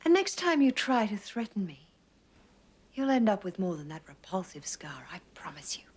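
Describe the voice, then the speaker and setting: A woman's voice: mid-range voice, sing-song, moderate pace, background noise, natural voice. An actress playing a cold, venomous, tough woman making threats in a television drama.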